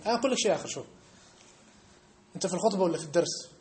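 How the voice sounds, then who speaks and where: A man leads a lesson in a mosque. His voice sits somewhat high, and he talks very fast. He argues his points and puts questions straight to his listeners. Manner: animated, argumentative, challenges listeners directly. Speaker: religious teacher.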